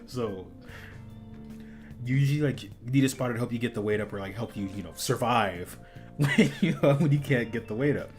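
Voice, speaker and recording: A man's voice: mid-range voice, animated, moderate pace, faint music behind. A young man streaming a video game, chatting casually and rambling, laughing often and saying dude and like a lot. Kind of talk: casual gaming stream chat.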